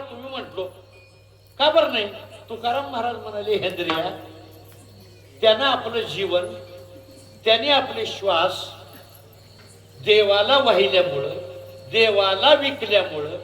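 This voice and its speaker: A man giving a devotional kirtan sermon, moving between sung verses and spoken preaching, asking the audience questions in an animated way. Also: high-pitched, roomy sound.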